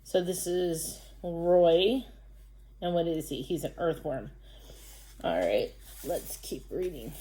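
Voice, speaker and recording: A woman teaches first graders to read, patiently sounding out words and syllables. Her voice is on the low side and warm, and she takes things slowly.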